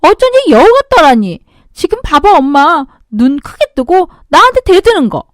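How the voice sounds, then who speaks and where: A woman voicing a spoiled, rude young sister-in-law in a spoken radio story, sneering and shrill. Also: very animated, measured pace, a little mellow, no echo, clean studio sound. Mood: shrill, indignant. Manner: sneering, bratty.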